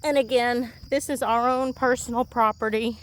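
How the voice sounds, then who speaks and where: Woman, casual vlog host, upbeat rambling chat outdoors, slightly breathless, pitched a little high. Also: fairly even intonation, normal speed, very noisy. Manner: chatty, rambling, easily amused. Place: outdoors in a rural horse pasture.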